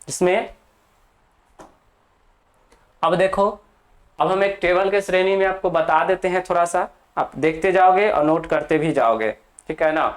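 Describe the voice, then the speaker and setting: A teacher giving a grammar lesson for exam students, dictating for notes, repeating key terms and often checking in with the class. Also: mid-range voice. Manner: slow, deliberate, dictating for notes.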